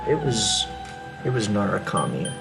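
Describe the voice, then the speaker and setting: A man's voice: fairly low pitch, sing-song, moderate pace, vocal fry. A man hosting a let's play, giving casual, musing commentary with offhand asides. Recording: loud game music behind voice.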